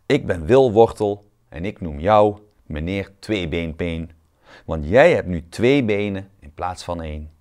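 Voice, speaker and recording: A man's voice: low-pitched, expressive, unhurried, darkish tone. A man voicing a friendly young carrot in a read-aloud children's storybook, eager and admiring.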